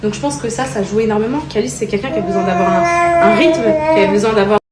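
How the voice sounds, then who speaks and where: A woman's voice: a little high, lively intonation, fast talker, distant mic. Tender mother in a roomy, noisy home. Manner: tender, heaps pet names on her children; chatty, addresses her followers as girls. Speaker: mother and vlogger. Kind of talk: casual vlog talk.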